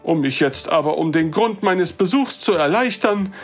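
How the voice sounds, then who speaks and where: A storyteller voicing an older human gentleman who speaks formally and a little hesitantly. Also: mid-range voice, lively intonation, moderate pace, faint music behind, pitched above the performer's own voice. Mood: earnest. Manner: formal, hesitant, old-fashioned.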